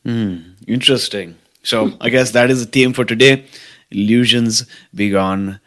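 A man hosting an interview, calm and affirming, asking questions and murmuring agreement. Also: medium pitch, measured pace. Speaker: host. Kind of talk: conversational interview.

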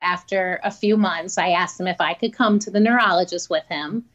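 A woman's voice: lowish voice, normal speed, a bit bright, muffled recording. A woman guest telling stories in a frank, chatty way and laughing often. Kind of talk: casual interview storytelling.

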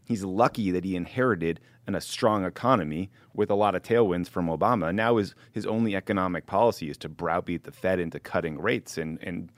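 A man's voice: low-pitched, fairly quick, few pauses, no room sound. A man co-hosting opinionated political chat in a blunt, critical way. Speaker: political podcast co-host.

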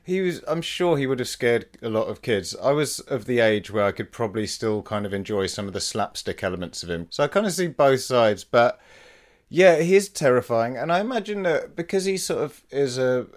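A man's voice: mid-range voice, animated, fairly quick. A man hosting a podcast, chatting casually in a wry, rambling way and laughing often. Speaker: podcast host.

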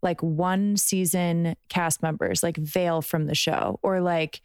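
Low-voiced woman asking rambling questions. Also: fairly even intonation, slow pace, a little mellow, clean tone, dry recording, studio quality. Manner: rambling questions, many fillers. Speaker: podcast co-host. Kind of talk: casual chat.

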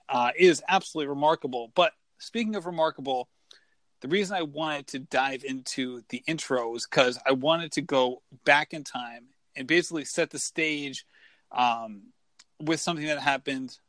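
A mid-range voice with a fairly bright tone, recorded dry, leads this casual podcast interview about running. The host enthusiastically introduces his guest and questions him, drifting into light rambling.

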